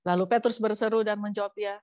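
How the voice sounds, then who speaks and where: Woman pastor, casual chatty sermon, lively delivery, medium pitch, dry close sound. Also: fast, no room sound. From Indonesia. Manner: chatty, lively, acts out quotes. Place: church.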